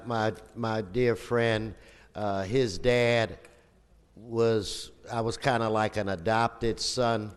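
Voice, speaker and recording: Older man, smooth low voice, hosting. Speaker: council member presiding over a ceremony. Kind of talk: informal ceremony hosting. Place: large council chamber. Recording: reverberant hall.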